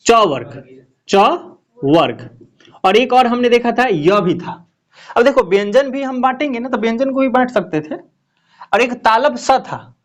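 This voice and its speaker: A male teacher giving a classroom lesson, often asking questions and repeating the answers. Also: very high-pitched.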